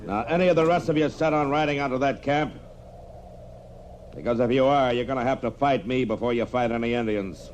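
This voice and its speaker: An actor playing a grave, authoritative frontier marshal with an American accent in an old-time radio western. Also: male voice, medium pitch, brisk, a little mellow, lightly acted. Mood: commanding. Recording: noisy old radio drama recording.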